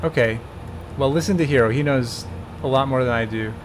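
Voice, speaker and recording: A man's voice: mid-range voice, fairly quick, noisy background. A man in his twenties streaming, casually coaching a speedrun step by step and laughing often. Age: 20s. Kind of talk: casual gameplay chat.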